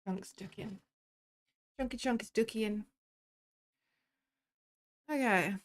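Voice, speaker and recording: A woman's voice: mid-range voice, takes it slowly. A woman streamer chatting casually while sorting out a game event on her computer, swearing and making sarcastic asides.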